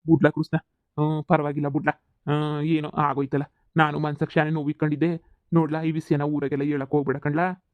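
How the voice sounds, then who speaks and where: A man's voice: a little high, level tone, brisk, dry recording, narrow, tinny audio, natural voice. A man voicing a rich middle-aged village father who pleads in an emotional rush. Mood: relieved.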